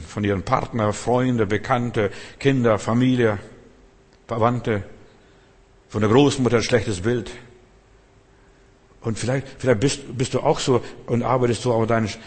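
A man's voice: medium pitch, steady tone, normal speed, husky. A male preacher delivering an earnest sermon, exhorting the listener and addressing them directly. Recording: long hall reverb.

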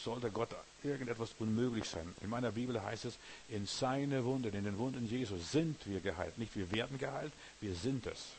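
A man's voice: fairly low pitch, slight background noise. A man preaching a sermon. He speaks straight to the listener and builds his points from repeated, parallel phrases.

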